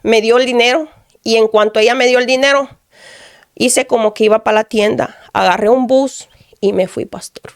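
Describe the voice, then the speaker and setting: A woman's voice: on the high side, fairly even intonation, moderate pace, dry recording, studio quality. A woman from Guatemala giving an earnest personal testimony, repeating phrases and often addressing the pastor. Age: adult.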